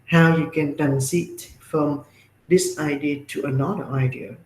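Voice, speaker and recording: A man's voice: a little high, steady tone, a little slow, echoey room, low-quality recording. A man with a Vietnamese accent who teaches a class and explains things step by step, often checking in with "right?" and "okay?". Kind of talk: classroom lecture.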